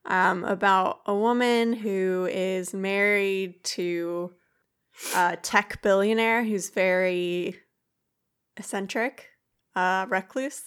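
A woman co-hosting a podcast, chatting casually and halting now and then to correct herself. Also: medium pitch, fairly even intonation, a bit bright, clean tone. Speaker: podcast co-host. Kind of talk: casual chat.

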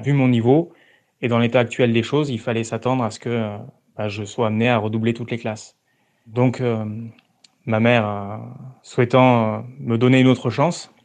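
A man's voice: mid-range voice, a little mellow. A man speaking as a radio listener in a voice message played on air, giving a personal testimony with hesitant fillers and restarts.

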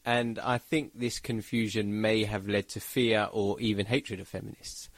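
A man with a low voice plays dumb while he interviews a guest, asking teasing questions in a deadpan way. The sound is dry and close to the mic. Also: normal speed, no room sound. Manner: mock-naive, teasing. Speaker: interviewer, co-host.

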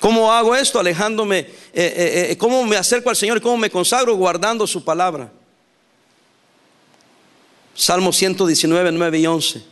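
A male pastor preaching a sermon in a lively, animated way, laughing and acting out quotes. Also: sits high, normal speed, clean tone.

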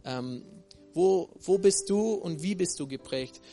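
A man from Texas with an American accent preaching a sermon, halting often with fillers and restarts and ending many phrases with a tag question. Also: high-pitched, expressive, warm tone, faint music behind. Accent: American English. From Texas, USA.

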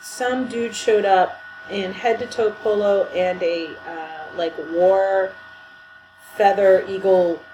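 A woman's voice: medium pitch, fairly even intonation, takes it slowly, mellow. Woman chatting casually in a roomy space. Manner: prompting with questions and short affirmations. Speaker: podcast co-host. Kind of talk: casual chat. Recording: roomy echo, faint background noise.

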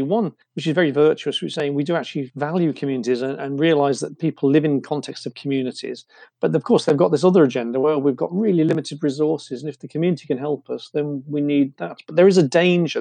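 A man talks in a loose, rambling, professorial way, explaining ideas conversationally and wandering into tangents. His voice is mellow and creaky, recorded close and dry. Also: on the high side, no room sound. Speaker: interview guest working in community social care.

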